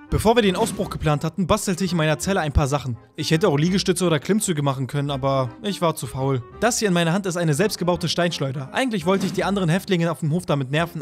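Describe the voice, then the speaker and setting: A cheeky young man narrating a comic story with crude jokes, over faint music. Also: a little high. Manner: cheeky, swearing, deadpan jokes.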